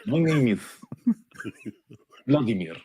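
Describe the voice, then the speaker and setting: A man's voice: medium pitch, sing-song, slow, warm tone, breathy edge, full character voice. A man voicing a pompous male Russian show host in a comedy clip, speaking stiff, broken, overly formal phrases in a put-on Russian accent. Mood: mock-serious. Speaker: mock interviewer in a comedy clip.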